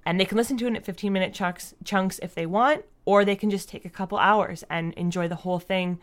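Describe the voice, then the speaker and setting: Speaking a little fast in a steady, mid-range voice, a woman who writes audio drama chats casually as an interview guest. She reflects and explains as she goes, habitually dropping in "like."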